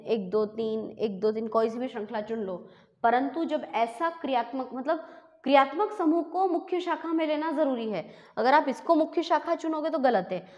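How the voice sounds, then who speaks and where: A woman teaching chemistry step by step, asking questions and then answering them herself, often adding a quick 'है ना'. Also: high-pitched. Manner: explains step by step, asks and answers her own questions. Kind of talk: classroom lesson. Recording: dull, lo-fi recording with long reverb.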